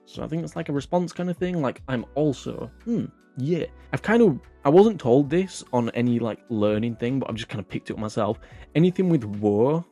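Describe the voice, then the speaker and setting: Guy rambling on his comedy vlog, jumpy lively voice, swears a lot, laughs at himself. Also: mid-range voice. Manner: rambling and self-mocking, swears often. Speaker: vlog host. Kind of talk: casual comedic vlog chat.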